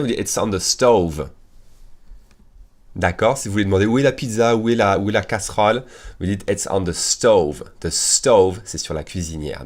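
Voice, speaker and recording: A deep-voiced man gives an easygoing language lesson. He says each word slowly and keeps asking whether the learner follows. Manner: explains each word slowly, many "d'accord?" checks. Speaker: English teacher. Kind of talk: casual spoken lesson.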